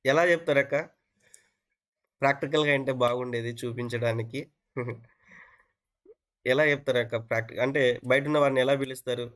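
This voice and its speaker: A man's voice: mid-range voice, steady tone, a little fast, pauses often, fairly bright tone. A man preaching an interactive sermon who asks his listeners questions, repeats phrases, and mixes English words into his speech. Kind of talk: interactive sermon on an online call.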